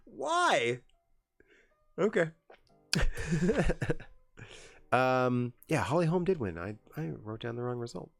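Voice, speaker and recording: Gravelly, lively male game streamer. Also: mid-range voice, brisk, few pauses, faint music behind. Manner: chatty, giggly, talks to himself while deciding. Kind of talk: casual gameplay commentary.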